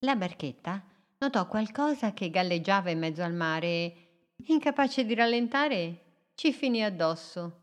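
Woman, children's story reading, gentle, slow-paced. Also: medium pitch, expressive, in a large hall.

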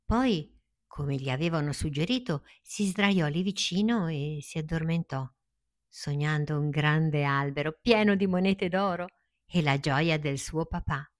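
A woman narrating a children's fairy tale in a slow, gentle storytelling manner. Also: sits low.

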